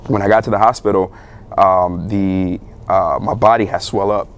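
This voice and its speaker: A young man, a guest on a talk show, telling his story in a loose, animated way, with many fillers and bursts of laughter. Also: deep voice, moderate pace, clean tone. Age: young adult. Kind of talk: casual storytelling interview.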